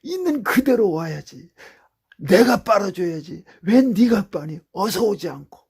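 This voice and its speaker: A male preacher voicing God as a loving father who gently reproaches and welcomes his children home, with a raised, pleading tone. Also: high-pitched, very animated, unhurried, vocal fry, slightly rough, pitched above the performer's own voice, full character voice. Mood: tender, pleading.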